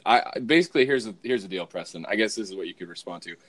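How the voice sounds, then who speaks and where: A man's voice: on the low side, expressive, racing, fairly bright tone. An American man from the West Coast hosting a podcast in a casual, joking, conversational style. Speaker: podcast host. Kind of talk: casual joking interview chat.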